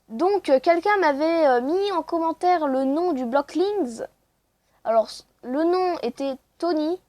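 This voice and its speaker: A woman's voice: high voice, a little mellow, no echo. A woman casually commenting on her own gameplay, chatty and self-mocking. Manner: chatty, self-mocking, lots of "voilà" fillers. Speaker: let's play host.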